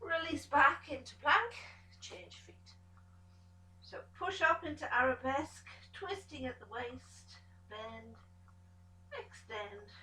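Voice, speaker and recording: Bright-voiced woman cueing a pilates class. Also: sits high, slow, pauses often, far from the mic, slight background noise. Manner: calm step-by-step cueing, encouraging. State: out of breath at times. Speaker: pilates instructor. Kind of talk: exercise class instruction. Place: pilates studio room. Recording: echoey studio room, voice from off the mic.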